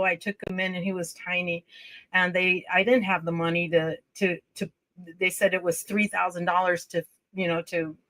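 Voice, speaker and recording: Earnest, halting woman with a bright voice. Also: on the low side. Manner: halting, earnest, frequent restarts. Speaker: guest. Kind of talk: personal storytelling in a livestream interview.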